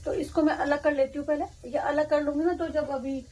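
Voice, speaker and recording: High-voiced woman chatting in a home vlog. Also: level tone, a little fast, warm tone, a little hiss or hum. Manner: chatty, talks straight to viewers while cooking. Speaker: mother and family vlogger. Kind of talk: casual home vlog narration.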